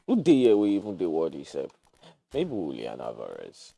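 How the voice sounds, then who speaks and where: This young Nigerian man streams his gameplay with animated, joking remarks peppered with pidgin slang. He has a bass voice, gravelly and slightly rough, and keeps a moderate pace.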